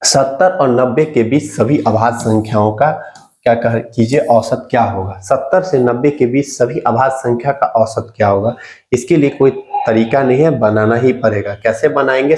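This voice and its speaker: A man's voice: mid-range voice, normal speed, a little mellow, a little hiss or hum. A man teaching a math lesson for exam prep, talking through sums step by step and asking the student questions that he answers himself. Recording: echoey room recording.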